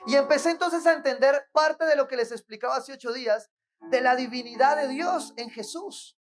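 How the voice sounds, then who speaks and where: A woman's voice: sits high, moderate pace. Fervent woman preaching a sermon. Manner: asks rhetorical questions, checks in with "¿sí?". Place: church.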